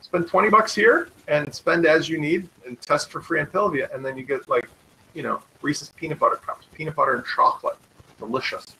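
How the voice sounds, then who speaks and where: A man hosting a live web tutorial, talking fast and eagerly in an informal sales manner while demonstrating software. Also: a little high, creaky, a little hiss or hum, poor audio. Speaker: webinar host.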